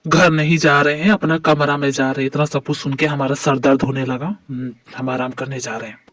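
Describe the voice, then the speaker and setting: A voice actor doing a grumpy old father-in-law who drawls his words slowly and fusses over his daughter. His mid-pitched voice sounds a bit off-mic but dry. It comes from an amateur fan dub drama. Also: level tone, a bit bright, no room sound, distant mic, natural voice. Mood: weary. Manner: slow, drawling, fond of "bitiya rani".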